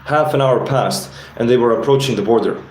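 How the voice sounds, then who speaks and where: A man reads his own fantasy novel aloud at an average pitch. The reading is unpolished, and he sometimes stumbles and corrects himself. The room sounds echoey, with a faint hiss in the background. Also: a little fast, a little mellow. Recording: roomy, with faint background noise.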